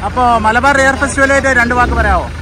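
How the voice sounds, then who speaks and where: A man with a Kerala Malayalam accent doing excited vlog interviews, mixing English words into his Malayalam. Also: very high voice, rapid-fire. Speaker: vlogger and on-the-spot interviewer. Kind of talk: excited vlog chat at an off-road event. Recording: outdoors with loud vehicle and crowd noise.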